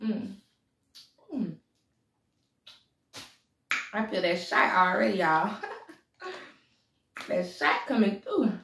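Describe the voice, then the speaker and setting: Woman vlogger, gravelly, mic a little off, roomy echo; casual chat with humming between bites. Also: medium pitch, expressive, drawn-out words, long pauses, a bit bright, recorded from a distance, slight background noise. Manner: chatty, laughing between bites, lots of mm sounds. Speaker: mukbang vlogger. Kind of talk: casual eating vlog chat. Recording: echoey room, voice a bit off-mic.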